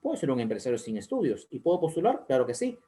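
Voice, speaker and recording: A man's voice: medium pitch, huge pitch swings, fast, dark tone. A man with a Peruvian accent teaching a civics lesson, explaining step by step, asking rhetorical questions and repeating the key points. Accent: Peruvian Spanish. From Peru.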